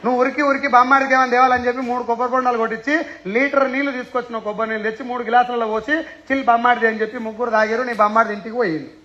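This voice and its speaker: A man with a Telangana Telugu accent giving a lively seminar talk, teasing his listeners with rhetorical questions. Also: extremely high pitch, racing, dull audio. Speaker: motivational speaker addressing an audience.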